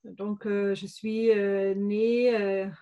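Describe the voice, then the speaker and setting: A woman's voice: medium pitch, level tone, extremely slow, warm tone, highs cut off. A woman in her forties with a German accent, a guest speaking hesitantly with many fillers in an interview. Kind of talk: interview testimony.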